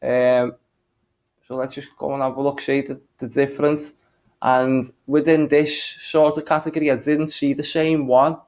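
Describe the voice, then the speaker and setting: Flat in delivery and darkish in tone, his mid-range voice moves at normal speed. The man behind this video narrates his screen share with rambling, casual remarks, thinking aloud and muttering small filler melodies.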